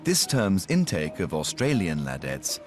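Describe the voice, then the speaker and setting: A man's voice: deep voice, wildly swooping pitch, measured pace. A man giving dry, wry scripted narration for a reality show. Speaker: documentary narrator. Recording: narration over music.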